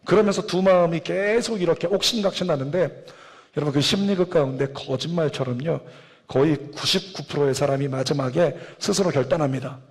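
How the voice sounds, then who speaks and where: Emphatic high-voiced male pastor. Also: fairly quick, long reverb tail. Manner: emphatic, preaching with rising fervor. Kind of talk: sermon. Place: church sanctuary.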